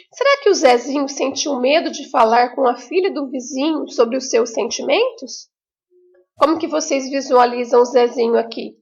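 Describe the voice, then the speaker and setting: Slow, high-voiced Brazilian teacher woman. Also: vocal fry, a little mellow, highs cut off. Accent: Brazilian Portuguese. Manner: slow, sing-song, encouraging, drawn-out words. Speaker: primary school teacher. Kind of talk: remote lesson for young children.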